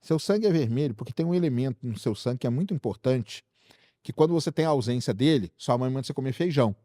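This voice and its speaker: A science show host with a Brazilian accent leads a casual science chat, addressing the audience with rhetorical questions and everyday examples. His voice is medium-pitched, expressive, fast and warm, and the studio-quality recording is dry.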